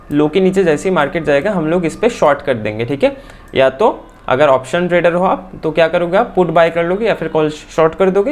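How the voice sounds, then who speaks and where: A man from India explaining a trading chart lesson quickly, repeating phrases and checking in with "theek hai" often. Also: high voice, a little hiss or hum. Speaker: stock market trading teacher.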